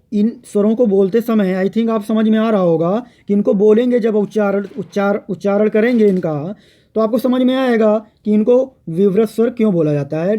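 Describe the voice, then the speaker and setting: A man teaching a grammar lesson, speaking slowly and patiently and repeating each definition so that students can write it down. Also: sits high, mellow. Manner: slow and patient, repeating definitions for note-taking. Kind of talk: classroom lecture on grammar.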